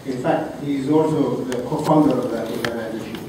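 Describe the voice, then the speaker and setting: Man from Africa, halting tribute speech, far off in a very echoey room with clear noise. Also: medium pitch. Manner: soft-spoken, halting, many fillers. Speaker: colleague giving a tribute. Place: reception room. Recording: roomy, distant, noisy room recording.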